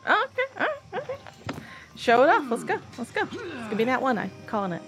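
A woman running a live-streamed tabletop game as game master, quick and laughing often. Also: high-pitched, very animated, over music.

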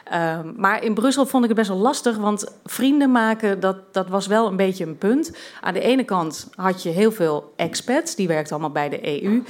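A woman's voice: mid-range voice, moderate pace. A woman from Twente telling a personal story at a live storytelling event, chatty and hesitant, with many filler sounds. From Twente, Netherlands.

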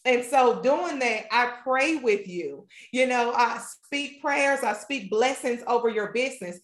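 A woman's voice: fairly high pitch, animated, a little slow, reverberant. A woman hosting a faith podcast, speaking with a fervent, preacherly cadence as she talks business and leads a prayer. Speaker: podcast host and marketing strategist.

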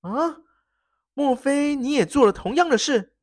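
Narrator raising the voice for Arsène Lupin, a fierce sharp thief. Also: high-pitched, expressive, a little slow, no echo, clean studio sound, voice pushed up. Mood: threatening. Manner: shouting, threatening and sharp. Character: disguised gentleman thief, male, cunning and fierce. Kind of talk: storybook reading.

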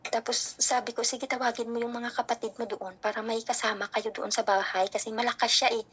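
Speaking a little fast in a slightly high, husky voice, this middle-aged woman relates an anecdote about her child in a relaxed way. She brings it to life by voicing the dialogue of the people involved.

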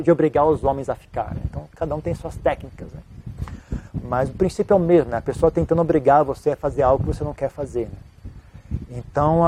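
A man, a monk answering an interview question in a casual, halting way with many restarts. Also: on the high side, warm tone, slight background noise. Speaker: Buddhist monk giving advice.

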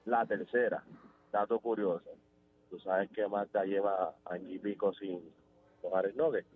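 A man's voice: deep voice, fairly even intonation, a little slow. A Puerto Rican man calling in to a radio show, laid-back and joking. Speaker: caller. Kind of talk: casual radio phone-in chat. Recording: tinny phone line.

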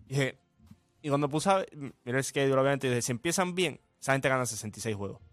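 Dude on sports radio, regular mid voice, dry mic, little music. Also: male voice, medium pitch, fast talker, dry recording. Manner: reads off betting odds in a steady run. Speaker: radio show co-host.

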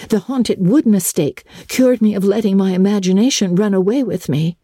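A woman's voice: mid-range voice, warm tone, husky, dry recording, studio quality, pitched above the performer's own voice. A woman reading aloud, voicing a talkative, imaginative orphan girl who speaks earnestly and theatrically.

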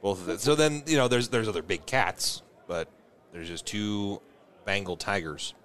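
A man's voice: fairly low pitch, moderate pace, a bit bright. A man co-hosting a podcast from a bar, telling loose, jokey stories and swearing freely. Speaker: podcast co-host. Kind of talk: casual bar chat.

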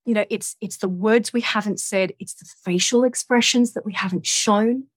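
A woman with a gentle, coaxing yoga-teacher manner, giving guided relaxation and movement instruction. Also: mid-range voice, moderate pace, husky, dry recording.

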